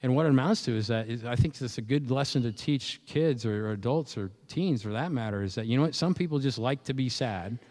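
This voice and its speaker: A man's voice: medium pitch, a little fast, few pauses, a little mellow. A man preaching a sermon as pastor, conversational, with frequent restarts and repeated words. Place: church. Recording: echoey church hall.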